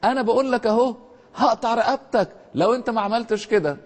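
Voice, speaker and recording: Brief: a storyteller playing a brutal governor, Egyptian accent, husky and declaiming, long hall reverb. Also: male voice, very high voice, quick pace, voice pushed up. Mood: anguished. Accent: Egyptian Arabic. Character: cruel male Roman governor, brutal then humbled.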